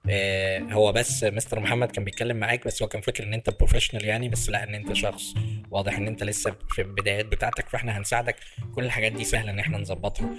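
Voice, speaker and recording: A man with an Egyptian accent, deadpan and teasing as a fake producer on a prank call. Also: lowish voice, racing, over music. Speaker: prank caller posing as producer.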